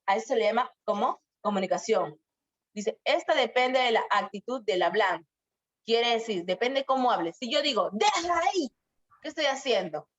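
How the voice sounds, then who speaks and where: A woman's voice: a little high, animated, moderate pace. A young woman teaching a grammar lesson to school students, asking questions and drawing out her examples. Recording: muffled lo-fi sound.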